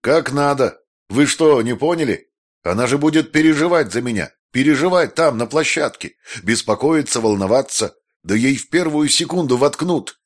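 A man voicing a furious middle-aged fencing master who barks orders and shouts insults. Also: medium pitch, animated, moderate pace, voice pushed up, natural voice. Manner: barking, explosive.

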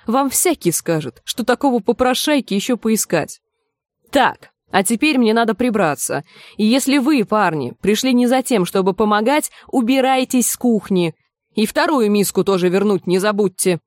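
A woman voicing a bossy but kind young woman cook who scolds in a brisk, motherly way, in an audiobook. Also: mid-range voice, lively intonation, a little mellow, no echo, studio quality, voice pushed up, lightly acted. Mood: scolding.

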